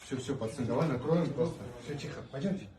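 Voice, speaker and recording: A man's voice: mid-range voice, fast talker, roomy sound, heavy background noise. A man talking in slangy street-tough style in a casual comedy skit. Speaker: comedy sketch performer.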